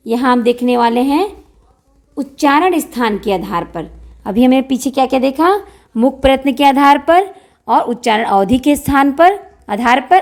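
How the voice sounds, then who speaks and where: A woman's voice: sits high, darkish tone. A woman teaching a grammar lesson, asking questions and answering them herself, and drawing out vowel sounds to show them. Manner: drawn-out demonstration vowels. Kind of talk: classroom-style grammar lesson.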